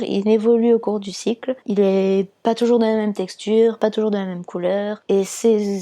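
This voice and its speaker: A woman's voice: mid-range voice, dark tone. A woman from France, a fertility awareness counsellor, explaining her work patiently step by step in an interview, with frequent fillers.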